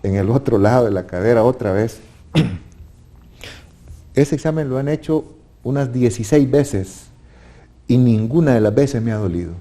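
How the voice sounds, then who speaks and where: His mid-range voice is warm and animated, with a measured pace and frequent pauses. The man, who has a Salvadoran Spanish accent, earnestly recounts his personal faith testimony, sometimes restarting his words.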